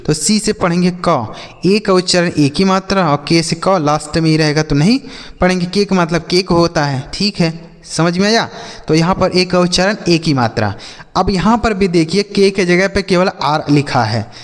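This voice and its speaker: A man's voice: high voice, big-room sound. A man teaching a reading lesson to students, asking questions, answering them himself and repeating key points. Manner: questioning, repeats and answers his own prompts. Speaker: English teacher. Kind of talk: Hindi-language reading lesson.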